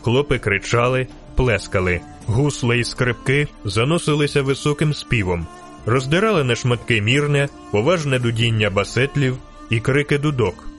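A man narrates an audiobook with a steady, rhythmic storytelling delivery at a middle pitch. Soft music runs faintly beneath his reading. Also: moderate pace. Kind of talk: scripted narration.

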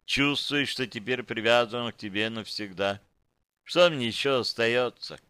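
A man's voice: medium pitch, moderate pace, sharp tone, clear, resonant tone, dry recording, lightly acted. A man voicing a young female demoness who pleads breathily and trembles, read as an audiobook. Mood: shy subdued.

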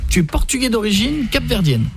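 A high, lively male voice that talks fast and swoops up and down as he jokes with guests. He hosts from a radio studio, with clear pop music playing underneath. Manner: joking, quick, teasing. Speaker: radio show host. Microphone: studio microphone.

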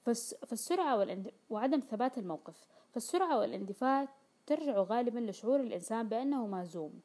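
Woman reading a self-help audiobook, quick pace, warm mellow tone. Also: on the high side. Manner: explanatory, with quoted dialogue in colloquial speech. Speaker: audiobook reader.

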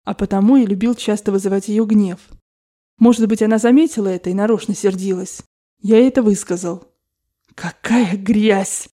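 A woman narrating a novel as an audiobook, reading the first-person text in an expressive, dramatic way. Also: mid-range voice, fairly quick. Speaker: audiobook reader.

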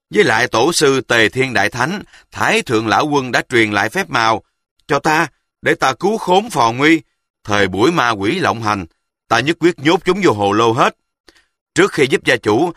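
A man's voice: mid-range voice, pushed and bright, no echo, studio quality. A man voicing a pompous, domineering middle-aged male sorcerer who speaks in a commanding, grandiose way.

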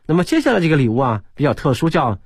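A male teacher giving a radio English lesson. He explains words, spells them out letter by letter, and reads English slowly. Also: a little high, sing-song, husky, no echo. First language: Chinese. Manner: switches between explanation and slow English reading. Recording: dry studio broadcast.

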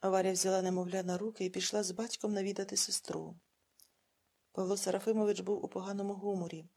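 A woman reading an audiobook novel aloud in steady, grave narration. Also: medium pitch, fast talker, gravelly, breathy edge. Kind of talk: scripted narration.

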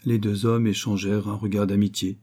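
A man reading a classic French novel aloud as an audiobook, in a measured narrating tone. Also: lowish voice, flat delivery, a little mellow, husky. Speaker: audiobook reader.

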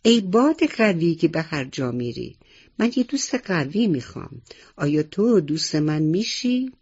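A woman's voice: lowish voice, big pitch swings, a little mellow, husky, lo-fi sound, exaggerated voice. A woman voicing a curious little boy mouse who asks earnest questions.

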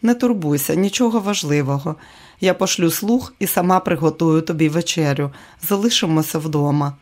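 A male audiobook reader voicing an affectionate, coaxing wife in a soft, raised voice. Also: on the high side, moderate pace, close to an everyday voice. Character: affectionate younger wife, woman, attentive. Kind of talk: audiobook character reading.

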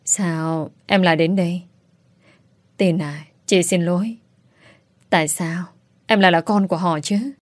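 A woman voicing a bitter young woman who accuses her relatives in quick, sharp outbursts, in an audiobook. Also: on the low side, no echo, lightly acted. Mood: tender. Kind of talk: audiobook character voice.

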